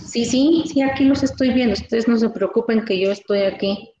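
A woman teaching a class over a video call, explaining slowly and asking her pupils questions. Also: a little high, warm tone, dull audio. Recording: very echoey room with faint noise.

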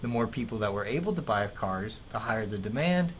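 A man's voice: animated, brisk. A man with an American accent lecturing like a professor, explaining economics as a teacher with everyday examples. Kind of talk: classroom lecture narrated over slides. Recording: clear background noise, low rumble.

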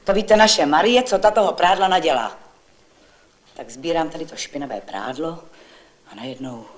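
A woman's voice: deep voice, animated, a little hiss or hum. A woman voicing a busy, fussy housewife who chatters and complains while telling her neighbour a story, in an old literary reading. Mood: chatty.

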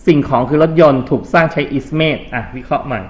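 During a classroom grammar review, a Thai-accented man teaches English, reading exam sentences slowly. He is patient and coaxing, and his voice sits at a medium pitch.

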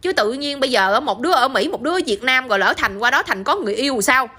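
Reproachful young woman scolding a friend, read by a storyteller, high and fast, southern vietnamese. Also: expressive, sharp tone, exaggerated voice. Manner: reproachful, pleading.

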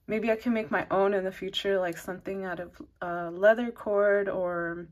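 A woman's voice: medium pitch, steady tone, normal speed. A woman giving a casual, loosely organized knitting product review, rambling and dropping in lots of "like". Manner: self-described advanced beginner knitter. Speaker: knitting channel host reviewing needles.

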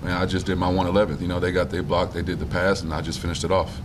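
Young receiver at the press table, deep voice, quick laid-back answers. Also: male voice, level tone, background noise. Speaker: football wide receiver. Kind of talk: post-game press conference. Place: press room, seated at table. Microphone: table mic.

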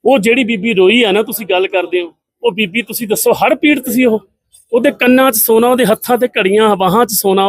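A man's voice: very high-pitched, no echo. A middle-aged man giving a combative, scornful press statement full of rhetorical questions. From Punjab, India. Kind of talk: impassioned political statement to press.

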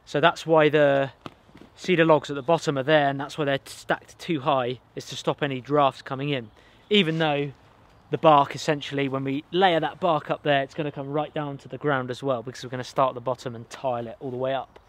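This bushcraft channel host, a man in his thirties, speaks at a medium pitch with a steady tone and a fairly quick pace. Working in a forest, he enthusiastically explains his build in casual outdoor vlog talk, recorded on a camera mic that is sometimes far off.

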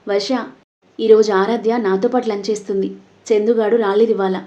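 A woman's voice: mid-range voice, level tone, a little fast, warm tone, lightly acted. A woman voicing a young male coworker who speaks in an easy, decisive way. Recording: dull lo-fi audio.

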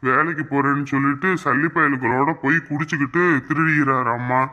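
A man's voice: mid-range voice, fairly even intonation, bright, forceful tone, muffled recording, natural voice. A man playing an educated, remorseful middle-aged father who speaks earnestly. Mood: worried. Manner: earnest, measured pleading. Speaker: father-in-law in a family drama. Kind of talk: web drama acting.

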